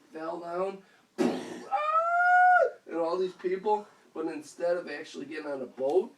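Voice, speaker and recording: A man's voice: a little high, a little mellow. A father improvising a playful, rambling bedtime story at home, often laughing as he goes. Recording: roomy echo, mic far off, faint hiss.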